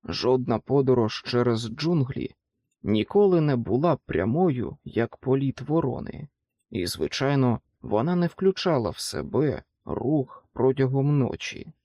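A man narrating an adventure story in a steady, measured storytelling voice. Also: medium pitch, dry recording, muffled recording. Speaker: audiobook narrator. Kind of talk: scripted narration.

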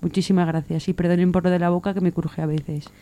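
A woman in her thirties telling a childhood dream in a lively, casual way, laughing and acting out the dialogue. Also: on the low side, quick pace. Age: 30s. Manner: animated, laughing, acts out dialogue. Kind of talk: casual storytelling.

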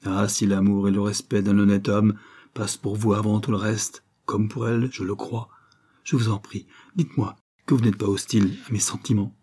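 A man voicing a respectful, ardent young suitor in an audiobook of a novel, with a warm and restrained, pleading delivery. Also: fairly low pitch, little pitch movement, normal speed, breathy edge.

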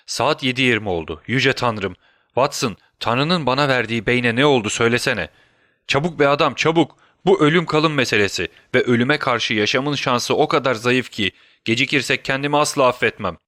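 A man's voice: medium pitch, brisk, bright, forceful tone, no room sound, clean studio sound, lightly acted. A man voicing Sherlock Holmes, a brilliant, restless detective who speaks urgently and gives commands, in an audiobook. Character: brilliant, restless male detective in his prime. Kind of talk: audiobook character voice.

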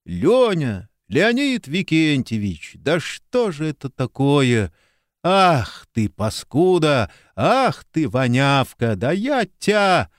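A man voicing a fierce, rough village woman in an audiobook, lamenting and cursing in rustic speech. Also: fairly high pitch, big pitch swings, takes it slowly, no room sound, clean studio sound. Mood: furious.

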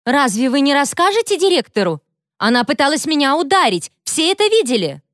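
A woman voicing a bratty teenage girl bully with a shrill, complaining way of talking. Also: big pitch swings, a little fast, fairly bright tone, no echo, clean studio sound. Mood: whining indignant.

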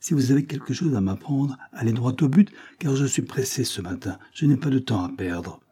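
A man voicing a brisk, impatient lawyer who speaks curtly in a storybook reading. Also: medium pitch, dark tone, husky, voice pushed up, lightly acted. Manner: curt, impatient. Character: brisk, impatient middle-aged male lawyer.

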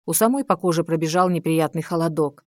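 Low-voiced woman narrating an audiobook. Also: dry recording, studio quality. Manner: steady, measured first-person reading. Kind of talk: scripted narration.

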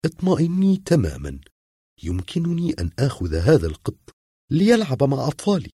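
A calm male vet speaks in a lifted, lively voice, as a man reading the story puts him on, reassuring with a dry, sarcastic edge. The voice is husky and close. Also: medium pitch, a little fast, no echo, voice pushed up. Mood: wry. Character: calm, wry male veterinarian. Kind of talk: audiobook reading.

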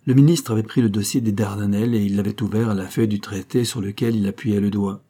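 Guy narrating an old detective novel, dark mellow husky voice. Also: fairly low pitch, steady tone, quick pace. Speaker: audiobook narrator.

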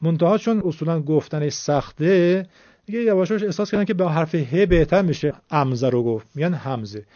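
A man with a fairly high, mellow voice teaches Quran recitation, explaining patiently and formally, step by step, in classroom style. There is no echo, but the highs are cut off.

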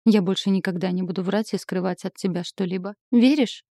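Lady reading as a rich young guy, gruff and guilty, dark dry voice. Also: mid-range voice, brisk, no room sound, close to an everyday voice. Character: stern wealthy young man, guilty lover.

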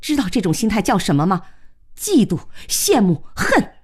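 A woman's voice: on the high side, big pitch swings, moderate pace, darkish tone, voice pushed up. Woman doing a cutting young teacher. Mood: scornful. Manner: cutting, lecturing. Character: sharp-tongued educated young woman, a teacher.

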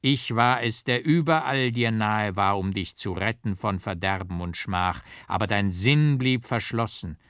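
A man putting on a mysterious painter who pronounces fate slowly and gravely. His voice sits low and measured, delivered very unhurriedly in a dry, close storybook recording. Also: a bit bright, no room sound. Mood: solemn. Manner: solemn, slow and raised. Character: mysterious solemn male painter, prophetic.

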